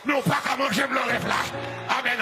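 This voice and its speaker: A man with a Haitian accent preaching a fiery shouted sermon as pastor, chanting and half-singing repeated refrains to the congregation. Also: very high-pitched, brisk. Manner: repetitive call-and-response lines. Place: church service. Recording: loud church music and crowd noise. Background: live music and congregation.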